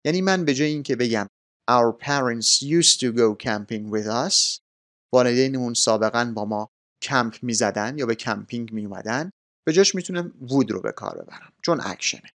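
A man teaching an English grammar lesson, explaining patiently and formally, slowing down for example sentences. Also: medium pitch, a bit bright.

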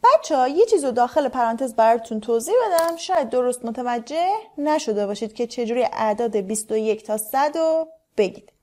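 A woman teacher giving an English lesson to learners, explaining fast and then saying model words slowly and deliberately. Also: on the high side, lively intonation, mellow.

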